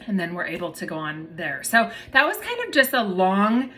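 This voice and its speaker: A woman's voice: mid-range voice, sing-song, normal speed, fairly bright tone. Chatty woman therapist, casual explainer to camera, mid-range voice, faint hiss behind. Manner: chatty, explains plainly, addresses viewers as "you guys". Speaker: myofunctional therapist. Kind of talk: casual educational talk to viewers.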